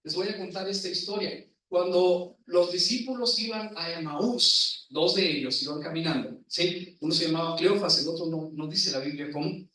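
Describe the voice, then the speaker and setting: A man's voice: a little high, pushed and bright. A man preaching a sermon in a church, often asking the congregation questions. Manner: asks the congregation questions, slow emphatic phrasing. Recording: echoey room, voice from far off.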